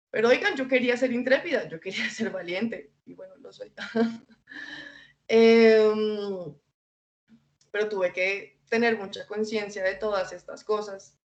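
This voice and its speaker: A woman, an invited speaker giving an informal educational talk, conversational, with many fillers and light laughs. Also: medium pitch. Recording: dull lo-fi recording.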